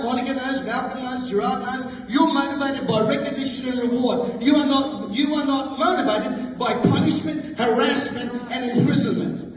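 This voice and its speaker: A middle-aged Australian man giving a fiery, fast rally speech with stammering restarts. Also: extremely high pitch, a little hiss or hum. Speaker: rally speaker. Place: large hall, heard from afar. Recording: echoey hall from far off.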